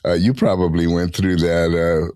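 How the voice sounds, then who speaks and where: A middle-aged man hosting a podcast in a studio, talking in a relaxed, meandering way with pauses. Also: low voice, crowd noise. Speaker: podcast host. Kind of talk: casual podcast conversation.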